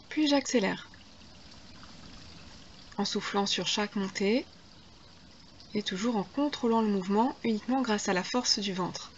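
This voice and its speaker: A woman coaching a workout, counting reps and cueing breaths in an encouraging way. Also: mid-range voice. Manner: counts reps and cues breathing while instructing. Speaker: fitness coach. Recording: dull lo-fi sound with background noise.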